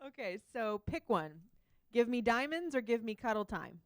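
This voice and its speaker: A woman co-hosting a morning radio show, asking quick questions with a giggle. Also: a little high, expressive, dry recording, clean studio sound. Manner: giggly, brisk. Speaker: radio co-host. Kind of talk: quick-fire interview questions.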